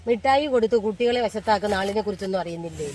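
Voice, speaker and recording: A woman's voice: mid-range voice, very fast, darkish tone, slight background noise, natural voice. An actress playing a worried mother who reproaches and warns her husband. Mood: urgent. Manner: urgent, reproachful. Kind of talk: short film acting.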